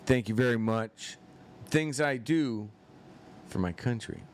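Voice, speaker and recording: A man's voice: medium pitch, slow, a little hiss or hum. A man hosting a live-stream commentary show, rambling and swearing with many fillers and incredulous outbursts. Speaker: political commentary show host.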